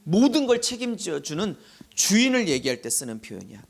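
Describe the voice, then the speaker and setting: A middle-aged male pastor preaching an expository sermon. He moves between loud calls and hushed asides. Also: high-pitched, big pitch swings, a little fast, creaky.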